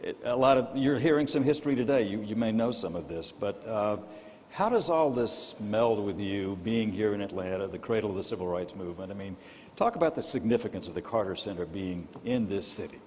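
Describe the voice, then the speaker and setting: A man's voice: on the low side, expressive, a little fast, darkish tone, slight background noise. A man moderating a panel, asking conversational questions. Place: lecture hall. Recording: reverberant hall, faint ambience.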